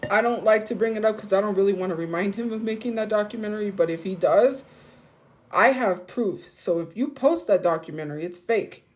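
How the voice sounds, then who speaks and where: A woman's voice: medium pitch, a little fast, rough recording. A woman on a phone live stream, venting and defending herself to her viewers in a casual, heated way.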